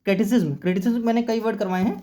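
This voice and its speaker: Guy teaching english exam prep, mellow warm voice, spells words out, keeps checking in. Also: high voice, rapid-fire. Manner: explanatory, repeats "okay" to check understanding. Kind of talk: exam-prep vocabulary and grammar lesson.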